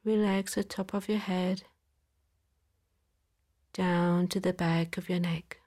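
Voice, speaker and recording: Woman talking thru a body scan, soft and calm, kinda low and flat, really slow. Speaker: meditation guide. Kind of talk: guided body-scan relaxation.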